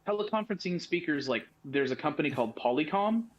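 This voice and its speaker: A fairly high-pitched man explaining tech setups over a voice call, thorough and chatty. The sound is dull and lo-fi, like a compressed call. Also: expressive, quick pace. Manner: explains tech tips in detail. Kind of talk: casual chat.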